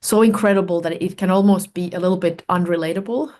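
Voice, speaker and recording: A low-voiced woman whose first language is Finnish, a guest researcher and author, tells stories in a reflective, conversational way. Her tone is steady and a little mellow, and she is thoughtful, searching for words with many pauses and fillers.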